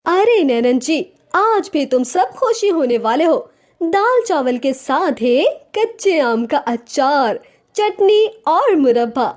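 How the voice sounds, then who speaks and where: Woman playing a young wife, earnest and pleading, high voice, cartoon story. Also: big pitch swings, slow, darkish tone, exaggerated voice.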